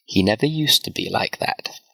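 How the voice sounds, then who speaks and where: A man's voice: on the low side, expressive, moderate pace, creaky, sharp tone, heavily acted, rough recording. A man voicing an upset, tearful teenage girl, in a plain read-aloud manner. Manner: pleading, upset.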